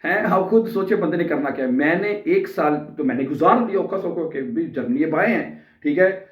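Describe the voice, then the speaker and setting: A Pakistani man with a slightly high voice earnestly shares his own story on camera in a casual vlog, speaking straight to viewers and repeatedly checking in with "okay." He's a language vlogger, and the mic sounds dull, distant and roomy.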